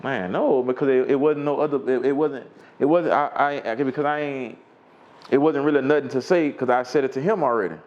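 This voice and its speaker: A man with a Louisiana accent, a rapper telling a story in a casual interview, animated and given to acting out quotes in a high voice. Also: fairly quick, highs cut off. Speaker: rapper guest.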